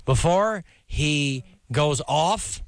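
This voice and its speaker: A man's voice: on the high side, lively intonation, extremely slow, gravelly, no room sound, clean studio sound. A man bantering casually as a guest on a radio advice show, blunt and teasing, often cutting in. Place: radio studio.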